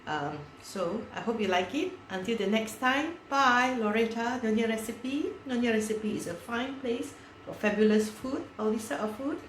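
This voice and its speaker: A woman's voice: fairly high pitch, moderate pace, roomy sound, slight background noise. A woman hosting a cooking video, chatting casually and walking through each step aloud as she cooks. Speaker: cooking channel host.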